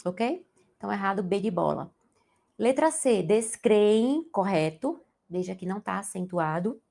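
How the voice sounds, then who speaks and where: A woman's voice: medium pitch, animated, unhurried, gravelly, dark tone. A young woman from Brazil, a Portuguese teacher, giving an exam-prep grammar lesson with a Brazilian accent and checking in with the class as she explains. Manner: explanatory, asks the class to check in with tag questions.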